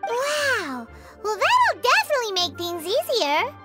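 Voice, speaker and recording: Tiny fairy sidekick, squeaky, extremely high, chirpy, childlike, anime game, music behind. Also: female voice, huge pitch swings, unhurried, full character voice. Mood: excited. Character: tiny chirpy floating fairy companion, girlish and eager. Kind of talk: anime-style game voice acting.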